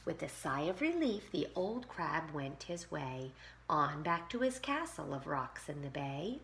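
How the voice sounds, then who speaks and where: A woman teacher reading a rhyming picture book aloud to a preschool class. She reads slowly and expressively, her fairly low voice rising and falling with the verse. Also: gravelly, slight background noise. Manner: expressive, sing-song rhyming delivery. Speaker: pre-K teacher.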